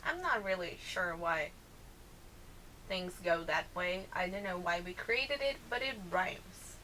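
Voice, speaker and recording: A woman's voice: on the low side, lively intonation, takes it slowly, sharp tone, a little hiss or hum. A woman with a Brazilian accent, a native Portuguese speaker, chatting casually through questions she reads out and answers, with hesitant self-corrections and rambling asides.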